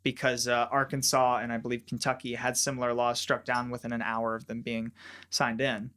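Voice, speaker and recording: A man's voice: medium pitch, monotone, a little fast, bright, forceful tone. Man hosting a political podcast panel. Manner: conversational, thinking aloud with filler words. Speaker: podcast host. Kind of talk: casual panel discussion.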